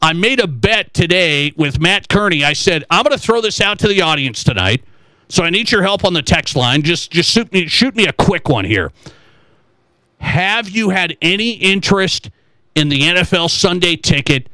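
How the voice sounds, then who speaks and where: A sports radio host with a high, bright male voice speaks at a moderate pace, conversational and animated, often throwing rhetorical questions at his audience. He repeats key phrases to hammer his point home. The recording is close, dry, echo-free, and low in quality.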